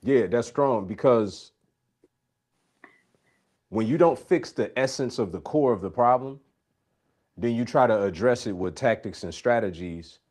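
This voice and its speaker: A man's voice: mid-range voice, unhurried, pauses often, darkish tone. A man hosting a live Q&A, talking emphatically in a preacherly coaching style and repeating his key phrases. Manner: preacherly, faith-based coaching. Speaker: host. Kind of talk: live Q&A talk.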